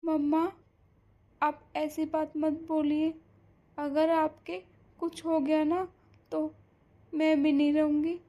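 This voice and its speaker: A woman's voice: high voice, flat delivery, slow pace, long pauses, dark tone. A woman voicing a young grieving daughter who sobs and pleads in a cartoon story. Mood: pleading. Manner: sobbing, pleading, wailing. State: crying. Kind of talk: Hindi cartoon voice acting.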